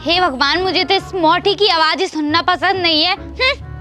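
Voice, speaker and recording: Comedy skit: sarcastic muttering maid, played by a woman, high, bright tone, light music under it. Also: moderate pace. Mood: grumbling. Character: grumbling housemaid, fed up with her mistress.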